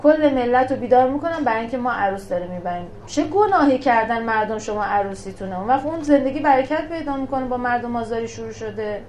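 A woman with a fairly high voice gives a religious lesson to a small class. She talks emphatically, putting questions to her listeners and then answering them herself. A faint noise runs under the recording. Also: lively intonation, hardly any pauses, darkish tone, poor audio. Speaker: religious teacher.

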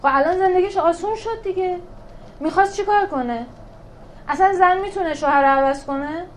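A woman teaching a religious class on scripture verses. She talks in a lively way, asks rhetorical questions and answers them herself, and recites verses slowly. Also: extremely high pitch, slight background noise. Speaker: teacher of a Quran class for women. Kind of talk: religious lesson explaining scripture.

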